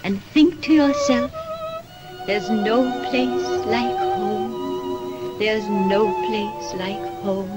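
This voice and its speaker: A woman's voice: on the high side, huge pitch swings, drawn-out words, exaggerated voice, rough recording. An actress playing a serene, kindly good witch in 1930s film style. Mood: serene, guiding. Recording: old film soundtrack with music.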